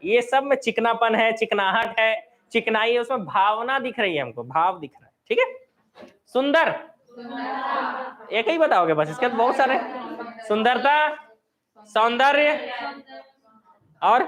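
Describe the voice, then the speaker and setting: A man with an extremely high, slightly bright voice teaches an online exam-prep class, calling out words one by one, asking students for their forms, then correcting them. He's animated but unhurried, leaving long pauses.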